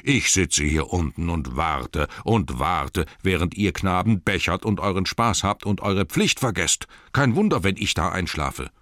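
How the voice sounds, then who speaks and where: A man reading an audiobook, voicing a grumpy, drowsy old male elf cellar-master with a slow grumbling scold. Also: deep voice, a bit bright, no room sound, clean studio sound. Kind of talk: audiobook character voice.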